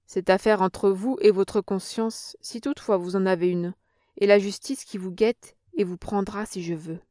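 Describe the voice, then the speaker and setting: Woman as a young heroine, cold and curt, commanding, mid-pitched voice, dry sound. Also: fairly even intonation, moderate pace, dark tone, no echo, lightly acted.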